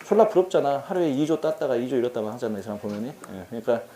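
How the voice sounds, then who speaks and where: A man's voice: medium pitch, animated, racing, warm tone, echoey room. A man teaching English vocabulary in a casual exam-prep lecture. He talks in a chatty, slangy way and keeps asking his students questions.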